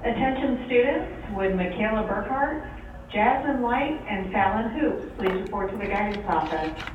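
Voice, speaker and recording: A woman's voice: a little high, animated, normal speed, slight background noise. A woman making a school announcement over the intercom, calling students to the guidance office. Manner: announcing, repeats names. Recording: echoey lo-fi loudspeaker in a classroom.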